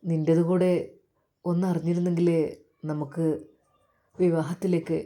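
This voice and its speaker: A woman voicing a gentle young male doctor who speaks softly in a low, pleading voice. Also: level tone, moderate pace, close to an everyday voice.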